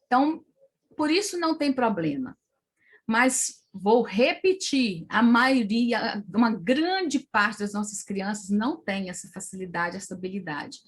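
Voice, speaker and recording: A woman's voice: mid-range voice, lively intonation, measured pace, breathy edge. A woman with a Brazilian Portuguese accent explaining early literacy methods to teachers, checking in often with tag questions. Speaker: teacher trainer.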